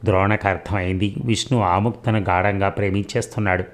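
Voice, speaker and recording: Male audiobook narrator, low voice, measured and reflective. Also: steady tone. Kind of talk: audiobook story reading.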